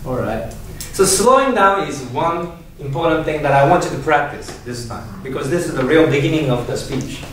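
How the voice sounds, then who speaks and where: A man with a fairly high, bright, expressive voice teaches a speech class at normal speed, often asking questions and laughing, while soft music plays in the background. The mic sits across an echoey classroom, picking up background noise.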